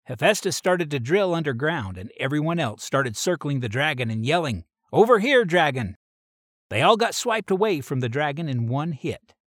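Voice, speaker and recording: A man's voice: mid-range voice, no echo, clean studio sound. A man reading an adventure story aloud in a plain storybook manner.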